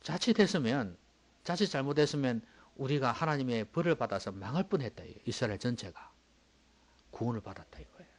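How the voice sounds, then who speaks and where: Preaching at a fairly quick pace, this man speaks expressively as a pastor, alternating hushed low remarks with forceful outbursts. Along the way he throws rhetorical questions at his congregation.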